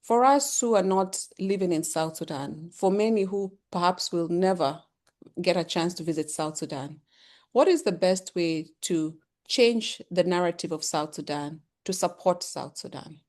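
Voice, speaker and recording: A middle-aged woman hosting a webinar, asking measured, polite questions. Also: fairly low pitch, darkish tone. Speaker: webinar host and interviewer. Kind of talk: webinar interview. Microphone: video call.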